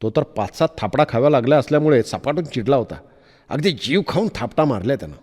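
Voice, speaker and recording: A man narrating an audiobook novel with expressive, measured storytelling. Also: medium pitch, slightly rough. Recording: long reverb.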